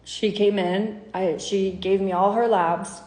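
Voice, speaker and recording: A woman's voice: mid-range voice, fairly even intonation, takes it slowly, darkish tone, reverberant. A woman health coach in candid, casual talk to her followers, acting out conversations with clients. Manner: chatty, candid, acts out dialogue.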